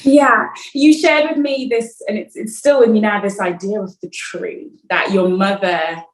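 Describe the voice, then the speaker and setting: A woman's voice: mid-range voice, fairly even intonation, measured pace. A woman from Africa hosting a podcast interview, enthusiastic and gushing as she asks her questions. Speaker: podcast host. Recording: roomy echo.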